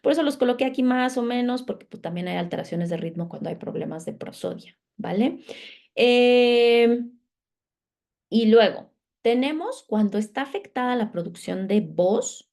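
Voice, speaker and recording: A woman's voice: fairly high pitch, lively intonation, moderate pace, creaky, darkish tone. A woman speech therapist giving a conference lecture, explaining patiently and often checking in with her listeners.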